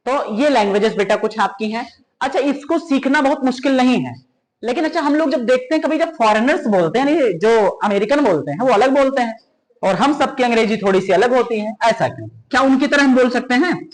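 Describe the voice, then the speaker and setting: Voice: mid-range voice, expressive, a little fast, rough recording. Teacher drilling letter sounds. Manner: calls listeners "beta", demonstrates sounds by repeating words. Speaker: English pronunciation teacher. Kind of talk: informal spoken lesson.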